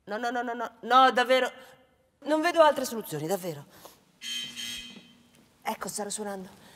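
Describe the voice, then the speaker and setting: A weary, worried woman talking in hushed tones on the phone,. Her voice is high and carries a long hall reverb. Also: animated, normal speed, a little hiss or hum. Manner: hushed, tired phone talk. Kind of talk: stage play acting. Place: theatre stage.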